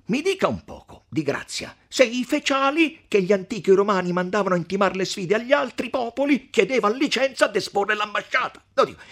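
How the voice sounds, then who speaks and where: A pompous, quick-to-anger magistrate hammers his legal points in a raised, swooping voice with a husky edge, as a male reader puts him on. He is lecturing and declaiming in a storybook reading. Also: sits high, pitched above the performer's own voice, exaggerated voice. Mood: indignant. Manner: shouting, lecturing with Latin tags. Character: pedantic, hot-tempered male town magistrate.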